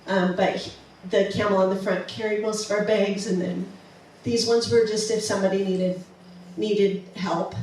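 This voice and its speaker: A woman's voice: medium pitch, fairly even intonation, normal speed, hardly any pauses, a little mellow, slight background noise. A woman giving a casual, enthusiastic slideshow talk, with many ums and restarts. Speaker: presenter of a travel slideshow. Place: museum presentation room. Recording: far-off mic in a very echoey room.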